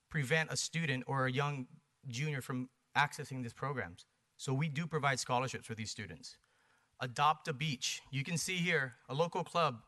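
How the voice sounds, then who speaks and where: At a planning commission meeting, a man from Hawaii with an American accent presents for a paddling community. His mid-range voice is bright and forceful, and he argues persuasively and emphatically with short, punchy phrases and rhetorical questions.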